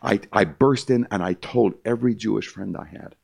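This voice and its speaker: This older man, a concert pianist, delivers an emphatic, repetitive testimony to a live audience, addressing them as "my friend." His voice is fairly low, creaky and darkish, and he speaks at a moderate pace.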